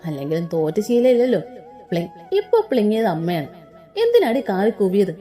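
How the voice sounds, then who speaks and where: A woman voicing a sharp-tongued middle-aged mother who scolds with sarcasm. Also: medium pitch, very animated, fairly quick, faint music behind, lightly acted. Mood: scolding.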